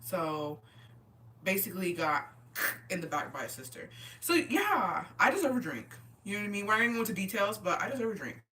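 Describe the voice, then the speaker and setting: This tipsy host in her twenties has a medium-pitched, sing-song voice that is pushed and bright, and she talks a little fast. On a casual livestream she reads and answers comments in slang, swearing and mixing in Spanish words. She is distant from the mic, with slight background noise.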